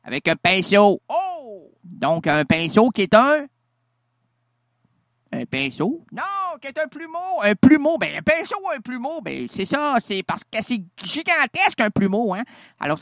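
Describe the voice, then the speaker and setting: A man's voice: very high-pitched, fairly bright tone, no echo, studio quality. A man, bantering through an improvised comedy bit, playful and theatrical. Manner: playful, jumps between silly voices and mock-preachy outbursts.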